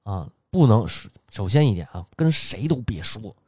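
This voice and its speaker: A man doing a hushed, scheming stepmother. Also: lowish voice, sing-song, normal speed, dry recording, clean studio sound. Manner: hushed, conspiratorial.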